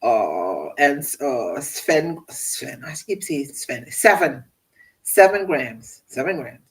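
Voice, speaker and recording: A man hosting a casual livestream, rambling through relaxed shout-outs to his viewers and laughing often. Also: mid-range voice, takes it slowly, poor audio. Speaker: livestream host.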